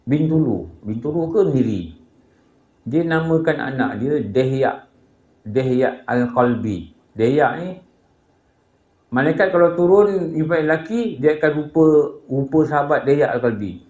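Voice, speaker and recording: Man, Malaysian Malay accent, religious teacher, anecdotal humor, mid pitch, roomy echo. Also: animated, measured pace, pauses often, darkish tone. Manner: humorous storytelling, acts out voices of people in his stories. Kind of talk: casual religious lecture with anecdotes. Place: prayer hall. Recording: echoey prayer hall.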